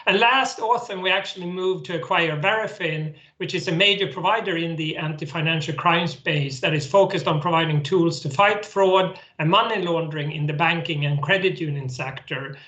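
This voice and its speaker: Swedish man with a bright, roomy sound. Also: a little high, normal speed, few pauses. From Sweden. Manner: earnest, with restarts and repeated words. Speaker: guest executive. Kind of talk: explaining on a webinar.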